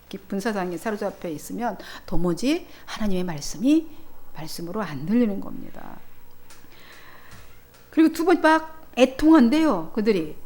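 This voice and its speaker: A woman's voice: on the high side, a little mellow. Emphatic Korean woman pastor preaching. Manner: emphatic preaching, swelling and dropping in volume. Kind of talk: sermon. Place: church.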